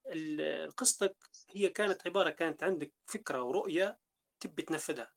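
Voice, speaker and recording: A man's voice: a little high, brisk, creaky. A man with a Libyan Arabic accent hosting a casual podcast conversation, talking through ideas at length and often restarting his sentences. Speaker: podcast host.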